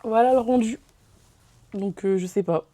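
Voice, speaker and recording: Young woman, mellow voice, chatty vlog. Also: a little high, measured pace, no echo. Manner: chatty, giggly, enthusiastic with casual slang. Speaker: beauty and haul vlogger. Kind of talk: casual chat to camera. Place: her bedroom. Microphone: camera very close to her face.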